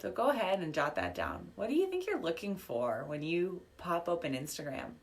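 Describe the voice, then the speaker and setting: A woman with a low voice leads a live online workshop as a business coach. She talks in a chatty, upbeat way full of "um" and "like", and her voice is a little worn, as if she is losing it. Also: huge pitch swings, moderate pace, creaky. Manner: chatty, upbeat, filler-heavy, reading chat comments aloud. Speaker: business coach and podcast host.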